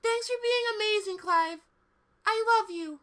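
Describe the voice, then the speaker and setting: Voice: a little slow, exaggerated voice. A reader putting on a nervous bubbly young woman. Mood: anxious. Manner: high excited gushing. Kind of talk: script read-through.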